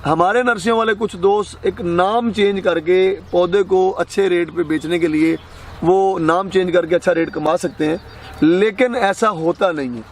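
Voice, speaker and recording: High-voiced man giving firm farming advice. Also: a little hiss or hum. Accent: Pakistani Punjabi. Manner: instructive, corrects misinformation firmly. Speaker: farm expert guest. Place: outdoors on a farm.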